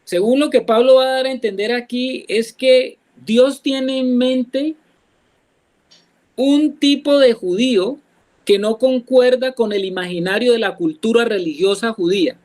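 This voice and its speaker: High-voiced Colombian man teaching the Bible. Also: unhurried, a little mellow, poor audio. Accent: Colombian Spanish. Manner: asks the group questions and explains patiently. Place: church, class also joined online.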